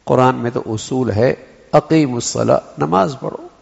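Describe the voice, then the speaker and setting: A man's voice: mid-range voice, creaky, darkish tone, slightly rough. A man giving an Islamic sermon, explaining his point by acting out one sentence in different tones. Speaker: preacher. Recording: dull recording in a long-reverb hall.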